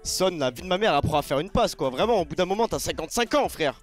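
A young man with a French accent giving raging gameplay commentary, shouting one moment and muttering the next, with sing-song taunts. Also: high voice, lively intonation, fast, soft background music. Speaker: gaming streamer.

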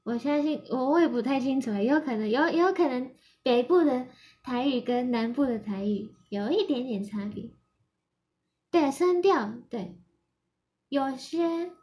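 A woman's voice: sits high, warm tone. A young woman from Japan who speaks Mandarin as a second language, chatting casually with viewers on a livestream, giggling and switching between Mandarin and Japanese. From Yamanashi, Japan. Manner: mixes Mandarin and Japanese, giggly, reads viewer comments aloud. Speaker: idol livestream host.

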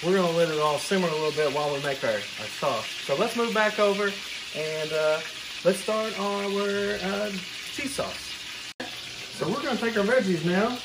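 A man's voice: high voice, moderate pace. Chatty man cooking in a sizzling kitchen. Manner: chatty, talks to the viewer while cooking. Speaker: cooking show host. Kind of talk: casual cooking tutorial. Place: home kitchen, indoors. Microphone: camera mic at a distance. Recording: noisy kitchen with sizzling pan. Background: frying and sizzling food.

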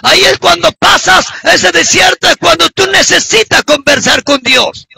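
A middle-aged man from Peru gives a fervent sermon testimony and often breaks into shouts. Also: extremely high pitch, normal speed, gravelly, no room sound, faint music behind. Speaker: preacher giving testimony.

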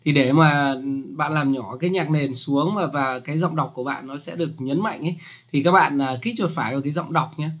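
A man's voice: fairly high pitch, fairly quick, fairly bright tone. Chatty man explaining. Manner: chatty, joking, loose explanatory talk. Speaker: software tutorial host. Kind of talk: casual screen-recorded tutorial.

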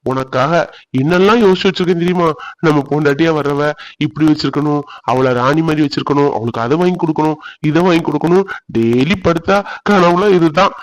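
A doting young village man in a cartoon gently reassures his bride-to-be, as a man voices him. His voice sits a little high. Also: no echo, lightly acted. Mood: fond. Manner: gentle, coaxing. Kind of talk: cartoon voice acting.

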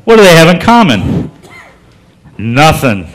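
His voice runs a little high and a little slow as he performs stand-up in a comedy club. The stories come in a deadpan, folksy drawl and swell into loud punchlines.

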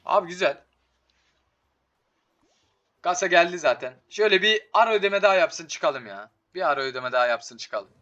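A man's voice: high voice, animated, normal speed, long pauses, bright, forceful tone, lo-fi sound. A man doing casual, slangy live commentary on a slot game, swearing and talking to it, his voice giving out from being a bit sick. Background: game music.

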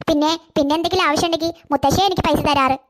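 A meek, stammering cartoon schoolgirl in her early teens, voiced by a woman. Her voice sits very high and the words tumble out quickly. She sounds timid and easily brought to tears. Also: steady tone, close to an everyday voice. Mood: earnest. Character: poor, timid schoolgirl in eighth grade. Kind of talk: cartoon voice acting.

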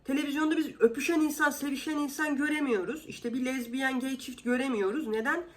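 Indignant, sarcastic woman vlogger. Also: fast. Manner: animated, with sudden pitch jumps. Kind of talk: casual commentary.

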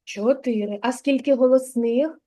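A woman's voice: high-pitched, normal speed, mellow, rough recording. A woman kindergarten teacher giving a literacy lesson to a child, coaching him patiently and sounding out syllables one by one in a classroom.

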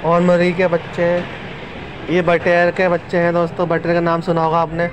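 A man's voice: fairly high pitch, completely flat delivery, moderate pace. A man in his thirties casually narrating a walking tour of an outdoor street market, chatty and often addressing viewers as friends, recorded on a handheld phone. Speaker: vlogger. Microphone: handheld phone camera. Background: street noise.

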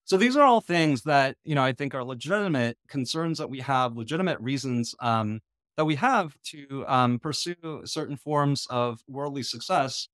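With a medium-pitched, expressive, fairly bright voice, a middle-aged American man leads a discussion in an online conference lecture. He speaks thoughtfully and at a measured pace, pausing on ums and restarting sentences. The video call webcam records him in a small indoor room, producing close, dry sound without room echo.

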